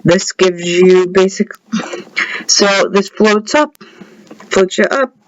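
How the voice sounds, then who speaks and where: Man, high voice, unhurried delivery, rambling game-mod walkthrough with offhand asides, dull lo-fi audio. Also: a bit bright, dry recording. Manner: rambling, offhand asides, talks to viewers directly. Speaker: game mod creator showcasing his mod. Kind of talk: casual gameplay commentary. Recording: dull lo-fi recording.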